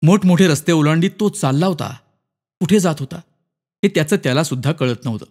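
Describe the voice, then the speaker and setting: Male storyteller, dramatic reading, fairly high voice. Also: lively intonation, brisk, a little mellow. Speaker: story reader. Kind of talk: scripted narration.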